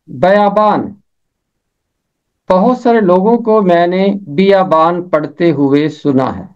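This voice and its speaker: A man teaching pronunciation, repeating each word slowly and carefully. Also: high voice. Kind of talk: slow deliberate pronunciation lesson. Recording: dull lo-fi recording.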